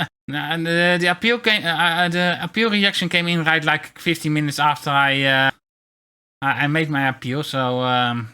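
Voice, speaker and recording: A man livestreaming in a casual chat, talking in a halting, rambling way with wry, self-deprecating grumbles. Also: fairly high pitch, sharp tone. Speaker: VTuber streamer.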